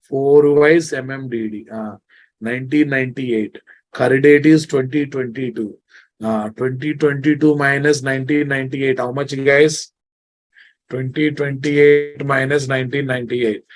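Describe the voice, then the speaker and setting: A man with a Telugu Indian accent giving an informal live programming lecture, often repeating phrases and checking that his students follow. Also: mid-range voice. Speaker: programming instructor.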